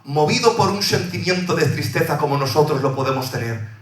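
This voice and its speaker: Preacher guy, high piercing voice, shouts then drops low, echoey church a bit off mic. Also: lively intonation, a little fast, distant mic. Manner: swings from loud shouting to hushed, rising to fervent peaks. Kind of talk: sermon. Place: church hall.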